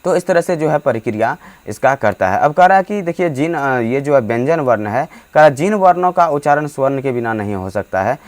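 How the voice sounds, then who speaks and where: Man teaching grammar, halting with fillers. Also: medium pitch, lively intonation. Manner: halting, many fillers and restarts; drawn-out demonstration vowels. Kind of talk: hindi grammar lesson.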